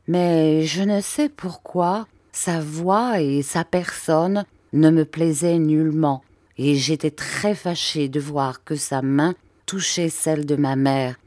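A woman narrating an audiobook of a classic novel in a measured, even storytelling manner. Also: low-pitched, dry recording. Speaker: audiobook reader.

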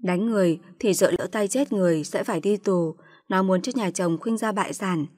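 A woman's voice: mid-range voice, a little fast. Woman narrating a family drama. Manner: even, storytelling narration. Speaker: storyteller.

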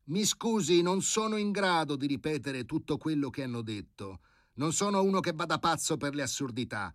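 A man reading aloud plays an imperious aging surgeon who talks down to everyone with icy, scornful courtesy. The voice sits high and swings widely, loud and pointed. The recording is close and dry. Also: expressive, moderate pace, no room sound. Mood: indignant. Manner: haughty, scornfully polite, booming outbursts. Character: indignant aging male professor, imperious surgeon. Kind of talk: audiobook character reading.

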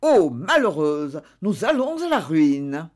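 A woman's voice: deep voice, big pitch swings, slow, a little mellow, heavily acted. Gloomy grumbling husband, read by a woman. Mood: dismayed. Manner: grumbling, hesitant. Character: worried older husband, grumbling and weary.

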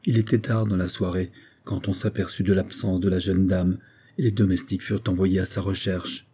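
A man's voice: low-pitched, flat delivery, a little fast, dark tone, husky. A man reading an audiobook voices a tender carpenter's wife who pleads tearfully and speaks deferentially, calling her listener "sir". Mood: sorrowful. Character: tender, tearful carpenter's wife, middle-aged servant woman.

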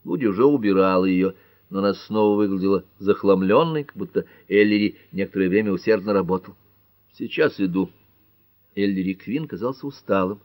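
A man reading a detective novel as an audiobook in a measured, expressive narration. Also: deep voice, no echo. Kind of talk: scripted narration.

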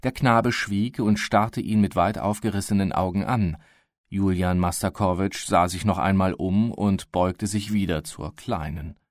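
Man with a low, calm narrating voice. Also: a little slow, no room sound, studio quality. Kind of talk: scripted literary narration.

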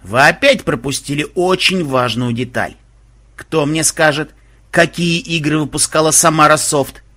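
A husky-voiced man voicing a stern male team leader who lectures in a measured way. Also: a little high, sharp tone.

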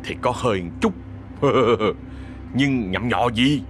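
A man's voice: mid-range voice, normal speed, slight background noise, close to an everyday voice. A man voicing a fat, sly male cattle trader who talks in a wheedling, chuckling way. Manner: chuckling, wheedling salesman talk.

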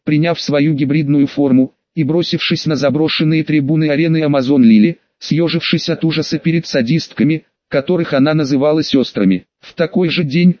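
A man's voice: fairly high pitch, brisk, few pauses, darkish tone, dry recording. A man reading an audiobook aloud, speaking evenly with hardly any change of voice for the characters. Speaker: audiobook reader. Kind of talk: audiobook narration. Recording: dull lo-fi close-miked sound.

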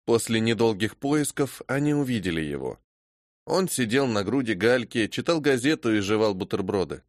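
A man narrating an audiobook in a measured, even reading. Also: fairly low pitch, dry recording, clean studio sound. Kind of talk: scripted narration.

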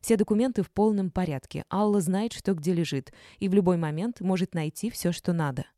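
A woman reading a cool, defiant young woman clerk who talks in brisk, curt, unbothered replies. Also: lowish voice, dark tone, dry recording, clean studio sound, close to an everyday voice. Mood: breezy.

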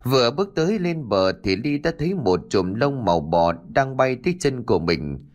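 A man narrating a story in an expressive, dramatic way. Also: medium pitch, normal speed, dull audio.

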